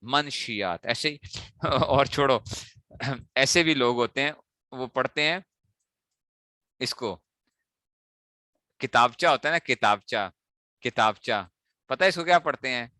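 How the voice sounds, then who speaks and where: A man teaching a morning class, correcting mispronounced words by repeating them slowly and checking that students follow. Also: medium pitch, bright, forceful tone, no room sound, clean studio sound. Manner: asks students checking questions. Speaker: teacher of Arabic morphology. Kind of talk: classroom lecture.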